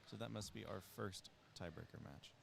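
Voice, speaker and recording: A man with a very deep voice gives casual commentary at a fencing tournament, explaining the action and who is fighting whom. A faint wash of ambience sits behind him. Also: moderate pace, vocal fry, a bit bright, slight background noise.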